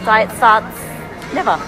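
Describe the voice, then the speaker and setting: A woman's voice: on the high side, a bit bright, poor audio. A young woman vlogging casually on a phone held at arm's length, bubbly and giggly as she chats to viewers. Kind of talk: casual travel vlog chat.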